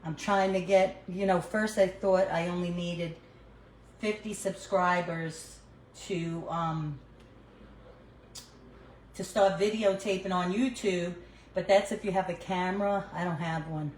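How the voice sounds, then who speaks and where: A woman's voice: fairly low pitch, steady tone, a little slow, darkish tone. Older woman, New York accent, easygoing cooking livestream, leisurely pace, echoey kitchen, faint room noise. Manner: chatty, answers viewers as she cooks. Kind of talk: casual live cooking chat. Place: home kitchen. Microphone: phone.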